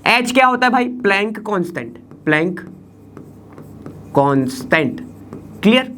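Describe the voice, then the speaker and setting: A man's voice: high voice, sing-song, unhurried, pushed and bright, slight background noise. A man teaching an online chemistry lesson in casual Hindi mixed with English terms. He explains step by step, keeps checking in with "ठीक है" and asks questions aloud. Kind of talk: online exam-prep lesson.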